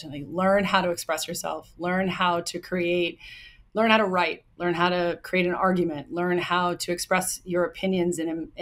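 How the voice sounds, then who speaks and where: Soft-spoken and fairly low-pitched, this young female hockey coach responds to an interviewer with sincere, detailed explanations. Ums and likes pepper her answers.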